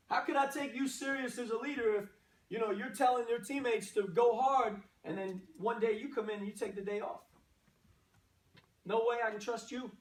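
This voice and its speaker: A man speaking as a coach, giving a motivational pregame pep speech to a team in short, punchy phrases and exhorting rhetorical questions. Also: extremely high pitch. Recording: roomy echo, distant microphone.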